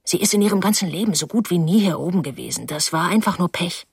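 A woman voicing a moody, stubborn young man who answers curtly in a lowered voice. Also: animated, quick pace, gravelly, breathy edge, no room sound, clean studio sound, heavily acted. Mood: pleading.

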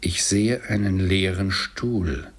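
A man reading a grave ghost figure, deep voice, smooth and resonant, slow reproachful delivery, storybook reading. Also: steady tone, heavily acted. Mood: stern, solemn. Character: solemn stern male Christmas ghost.

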